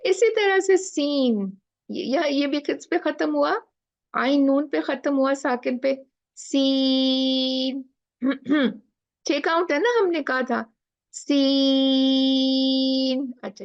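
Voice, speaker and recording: A woman's voice: high voice, lively intonation, a little slow, gravelly, dull audio. A woman teacher explaining recitation rules in a class, asking questions and drawing out letter sounds. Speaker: tajweed teacher.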